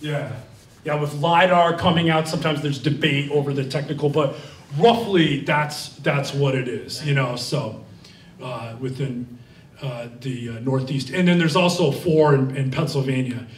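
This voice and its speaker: A man's voice: medium pitch, normal speed, a little hiss or hum. A young man from Vermont answering audience questions at a library talk, full of fillers and restarts. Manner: rambling, many fillers and restarts. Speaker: guest speaker. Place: library event room. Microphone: handheld mic. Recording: roomy sound from far off.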